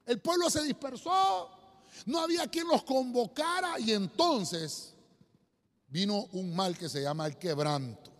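A man's voice: very high voice, animated, measured pace. A man, a pastor, preaching an emphatic sermon to listeners online and calling them brother again and again. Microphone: streamed to listeners online. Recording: long hall reverb.

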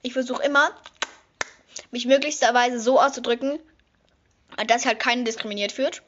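A chatty teenage girl talks her way through a makeup routine, rambling casually and now and then jumping into high squealing excitement. Her voice sits a little high, and the recording sounds dull and lo-fi. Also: moderate pace, a little hiss or hum. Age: teens. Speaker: vlogger. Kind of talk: casual makeup vlog chat.

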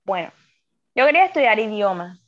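A woman's voice: medium pitch, sing-song, a little fast, highs cut off. A young woman with a coastal Colombian Spanish accent chats casually as a podcast guest, rambling and exclaiming as she goes. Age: young adult.

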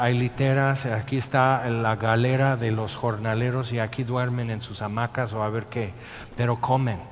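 A man preaching a sermon, telling the story lively and acting out scenes and sounds. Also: medium pitch. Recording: muffled sound in a reverberant hall with faint noise.

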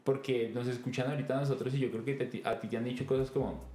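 A man's voice: mid-range voice, fairly even intonation, fast talker, dark tone, soft background music. A man hosting a podcast, telling stories animatedly and acting out bits of dialogue. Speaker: podcast host. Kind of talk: conversational podcast talk. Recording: echoey room.

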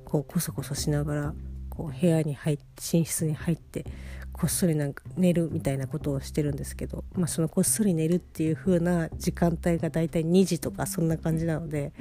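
Low-voiced sleepy woman, lying down, guitar music. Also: fairly even intonation, brisk, dark tone. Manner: talking while lying down, sleepy. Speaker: host of a personal audio diary. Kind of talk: casual monologue diary chat. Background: plucked guitar music.

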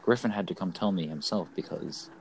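A man's voice: low-pitched, brisk, creaky, darkish tone, husky. A young man chatting casually with friends as a podcast co-host, teasing and interrupting them. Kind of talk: casual chat among friends.

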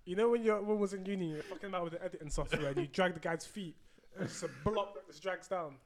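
A man's voice: high-pitched, fast. A young man with a London roadman accent in casual banter, bluntly disagreeing in slang. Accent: London roadman (urban London slang accent).

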